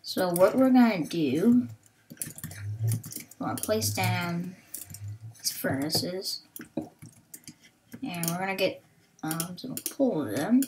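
A woman hosting a gaming video, talking slowly and hesitantly through what she is doing, with many fillers. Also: on the low side, animated, noisy background. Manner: hesitant, thinking aloud with fillers. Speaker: gaming channel host. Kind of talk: Let's Play commentary.

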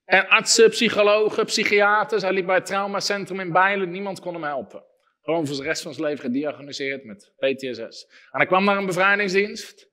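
A man preaching a sermon, emphatic, with sharp rises and drops in his voice. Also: high voice, brisk. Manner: emphatic, rising and dropping sharply for effect.

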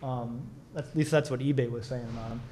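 A man's voice: mid-range voice, steady tone, a little fast, warm tone. A man giving a casual conference talk and answering questions, rambling with many restarts and fillers, recorded in a small room. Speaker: conference speaker.

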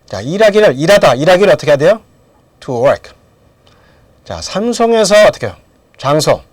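In a dry recording, a middle-aged man teaches English grammar through a drill-based lecture. His voice is on the high side and sing-song, at a moderate pace, and he poses questions only to answer them himself.

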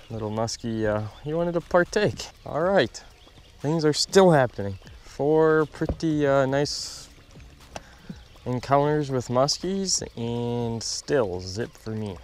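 With a camera mic on his small boat catching wind, water and a little background noise, a young man fishes solo on a lake and chats to the camera in a medium-pitched voice. This fishing vlogger's commentary starts as muttering to himself and grows excited, with laughter.

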